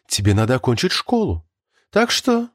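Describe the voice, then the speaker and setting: A man's voice: mid-range voice, huge pitch swings, moderate pace, dry recording, clean studio sound. A man reading an audiobook, voicing a stern, cutting female schoolteacher.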